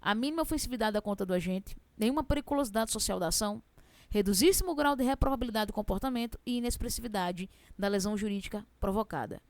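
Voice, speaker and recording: A young woman with a strong regional accent teaches law for civil service exams in an exam prep lesson, talking fast and chattily as she poses questions and answers them herself. Her voice is mid-range, with no echo.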